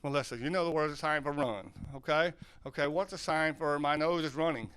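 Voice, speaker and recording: A man's voice: a little high, brisk, fairly bright tone, clear, resonant tone. A man from southern Ohio who teaches sign language, giving a loose, self-correcting talk and questioning his audience.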